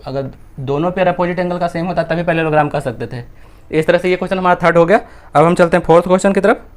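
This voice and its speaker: A man's voice: high-pitched, fairly even intonation, fast talker. Indian man teaching maths in Hinglish. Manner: mixes Hindi with English, asks and answers his own questions. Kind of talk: explaining textbook exercises step by step.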